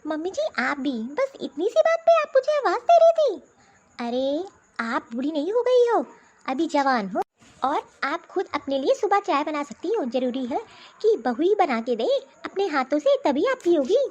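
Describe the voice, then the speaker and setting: A woman voicing a sharp-tongued, defiant young daughter-in-law in a cartoon story. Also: high-pitched, big pitch swings, normal speed. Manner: talking back, defiant.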